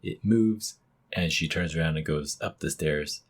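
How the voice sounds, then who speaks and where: A man co-hosting a casual movie podcast, thoughtful, breaking into loud emphatic bursts now and then. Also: a bass voice, unhurried, breathy edge. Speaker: podcast co-host.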